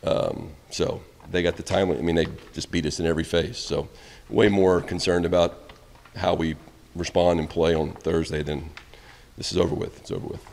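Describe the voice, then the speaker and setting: Middle-aged male coach, deep low voice, candid rambling answers, reverb in the press room. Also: steady tone, moderate pace, slight background noise. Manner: candid, rambling, trails off quietly at ends of answers. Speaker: college baseball head coach. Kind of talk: postgame press conference. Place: press room in front of a backdrop. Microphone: reporters' phones and handheld mics held close.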